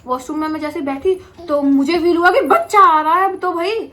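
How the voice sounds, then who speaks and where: A woman's voice: very high-pitched, a little fast, fairly bright tone. A young woman telling a story in casual chat, acting out her own cries and other people's lines. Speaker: vlogger.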